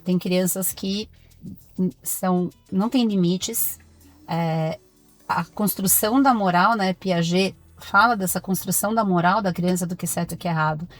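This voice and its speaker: Firm, animated Brazilian woman. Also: lowish voice, moderate pace, soft background music. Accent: Brazilian Portuguese. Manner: animated, firm storytelling with acted-out dialogue. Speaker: pediatrician guest. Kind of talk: podcast interview conversation.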